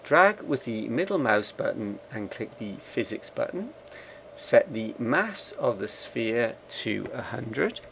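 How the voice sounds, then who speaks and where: A man narrating a software screencast tutorial, calmly giving slow step-by-step commands. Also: mid-range voice, gravelly, a little hiss or hum. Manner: slow, measured, instructional commands.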